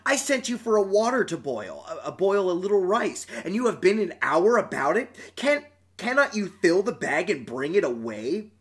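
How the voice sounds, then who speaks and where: A man voicing a loud, blustering male cannibal ghoul in a casually read folk tale, pushing his voice up and booming. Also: sing-song, normal speed. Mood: indignant. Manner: bellowing, brash, crude modern slang.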